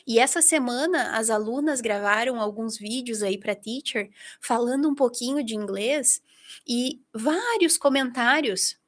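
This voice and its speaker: Woman English teacher from Brazil, lively, talks right to the listener, slightly high voice. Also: unhurried. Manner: lively, talks directly to the listener, acts out students' quotes. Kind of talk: online masterclass lesson.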